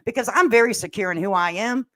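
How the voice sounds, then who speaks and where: Speaking quickly in a mid-range, pushed and bright voice, an older woman chats through a livestream and reads out viewers' comments. She's folksy, sassy and slangy, and talks into a standalone microphone at her laptop.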